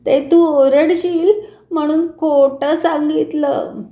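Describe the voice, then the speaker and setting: A woman voicing a frightened little schoolboy who pleads slowly in a high voice. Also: fairly even intonation, dark tone. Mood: tearful. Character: little schoolboy, scared and tearful, owning up. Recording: roomy echo.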